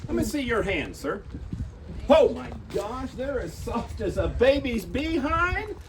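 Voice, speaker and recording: Man playing a folksy, crooked Old West judge, swooping pitch. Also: very animated, normal speed. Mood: teasing. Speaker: ghost tour street performer. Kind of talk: live improvised character acting for a tour group. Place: outdoors on a street. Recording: noisy outdoor street, distant microphone.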